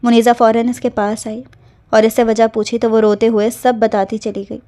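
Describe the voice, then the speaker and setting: A woman reads an emotional romance novel aloud. Her voice is slightly high yet soft and mellow. She narrates in a smooth, even storytelling manner. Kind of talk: novel reading.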